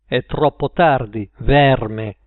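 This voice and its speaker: A man's voice: mid-range voice, extremely slow, no echo. A man reading an audiobook and voicing a bitter, jilted woman who mocks her cheating lover with cutting scorn. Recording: tinny phone-like line.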